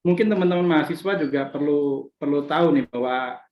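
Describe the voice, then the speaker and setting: A man's voice: on the high side, brisk. Man asking questions over a roomy, muffled call. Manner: conversational, hesitant fillers. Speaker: moderator. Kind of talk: webinar question.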